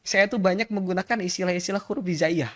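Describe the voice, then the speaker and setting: Guy on a podcast, kinda high voice, laughs a lot, shows how to say english words. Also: quick pace, over a noisy crowd. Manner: chatty, laughs often, demonstrates pronunciations. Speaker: guest English teacher. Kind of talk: casual podcast chat.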